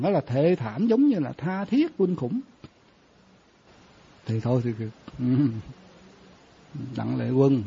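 A man's voice: a little high, mellow, breathy edge. A man, a Buddhist monk giving a conversational dharma talk and often quizzing his listeners. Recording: dull lo-fi sound.

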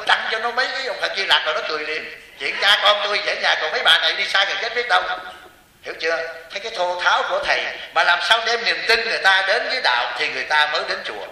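A man giving a Buddhist sermon in a high, piercing voice, teasing his listeners and tossing them rhetorical questions. His words bounce around a hall that rings with long reverb. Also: expressive, very fast, bright, forceful tone, recorded from a distance. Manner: joking, with rhetorical questions to the audience. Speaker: Buddhist monk teacher. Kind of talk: sermon to lay followers.

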